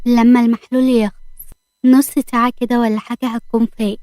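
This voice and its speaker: A woman doing a calm female doctor. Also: on the high side, quick pace, dry recording, natural voice. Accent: Egyptian. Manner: matter-of-fact.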